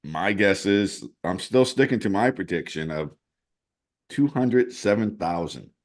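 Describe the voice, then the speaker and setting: Slightly slow yet expressive, a man with a lowish voice serves as chart analyst and co-host on a casual crypto chat. He narrates his thinking over screen-shared charts, often backing up to restart.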